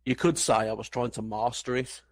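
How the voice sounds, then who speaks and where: A man's voice: medium pitch, fairly even intonation, normal speed, no room sound. A man co-hosting a gaming podcast, chatting with wry, self-deprecating banter. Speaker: podcast co-host. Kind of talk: casual podcast chat.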